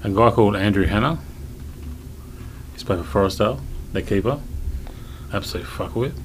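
A man's voice: on the low side, moderate pace, a little hiss or hum, poor audio. A man in his forties with an Australian accent, telling blunt, sweary stories in casual podcast chat. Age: 40s. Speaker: guest cricketer.

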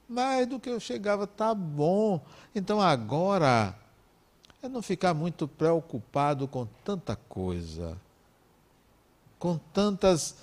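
A Brazilian man speaks in a somewhat high voice that swings widely in pitch as he gives a motivational talk. He leans on repetition for emphasis and slips in joking asides between his personal stories. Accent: Brazilian Portuguese.

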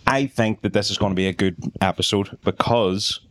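A man's voice: lowish voice, moderate pace, fairly bright tone. A Northern Irish man hosting a casual podcast chat with sweary, bantering talk. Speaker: podcast host.

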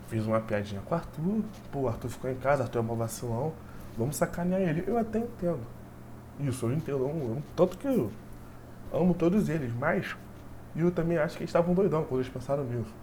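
Fast-talking man. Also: fairly high pitch, dark tone, a little hiss or hum. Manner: rambling, repetitive, full of "tipo assim" fillers. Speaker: storyteller. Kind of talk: casual personal storytelling.

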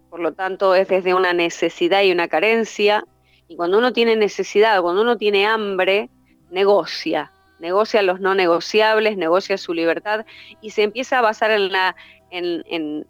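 A woman speaks at a mid pitch in a calm, flowing, teacherly manner, stacking her ideas into lists. The sound is dull and lo-fi and very dry. Faint music plays underneath. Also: clean tone, no room sound. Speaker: workshop facilitator. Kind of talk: reflective conversation.

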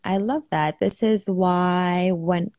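A woman's voice: fairly low pitch, fairly even intonation, takes it slowly, no echo. Affirming woman hosting a live chat. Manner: warm-hearted, affirming, many "um"s. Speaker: host of a live video chat. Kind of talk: casual spiritual conversation.

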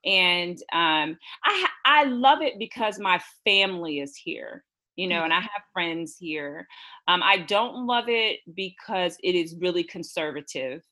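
A woman's voice: lowish voice, expressive, a little slow, pushed and bright. An American woman from Houston, a novelist guest, talking reflectively in a casual interview, often circling back with "you know" and "it's like". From Houston, USA.

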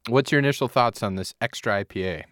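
A man's voice: mid-range voice, quick pace, a bit bright, dry recording, clean studio sound. A man co-hosting a casual podcast, joking around and reading facts aloud with a rambling delivery. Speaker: podcast co-host. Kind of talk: casual chat.

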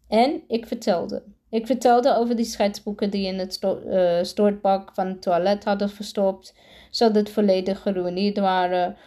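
A woman reads a children's storybook aloud in the first person. She often stumbles and corrects herself. Her voice is dark, mellow and relaxed. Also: mid-range voice. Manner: frequent stumbles and self-corrections. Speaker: reader.

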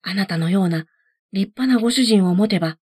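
A woman's voice: mid-range voice, brisk, darkish tone, husky, no room sound, clean studio sound, lightly acted. A woman voicing a huge warrior monk who speaks in a polite, earnest way after being beaten, in a storybook reading. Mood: humble.

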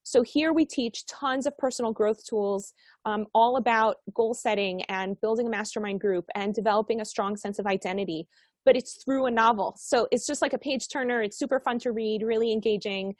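A woman's voice: a little high, a little fast, dry recording, studio quality. Upbeat woman author from Colombia. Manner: upbeat, enthusiastic. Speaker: author and guest. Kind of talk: casual interview talk.

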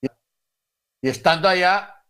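A man's voice: high voice, a little slow, pushed and bright, clear, resonant tone. A man telling a story as a preacher, repeating each phrase with sudden emphatic bursts. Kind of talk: storytelling sermon.

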